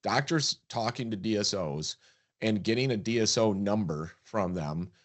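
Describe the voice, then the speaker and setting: A man's voice: fairly low pitch, expressive, normal speed. A man co-hosting a business podcast, talking emphatically and often repeating words as he builds a point. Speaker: podcast co-host, practice transition advisor. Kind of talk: casual podcast chat.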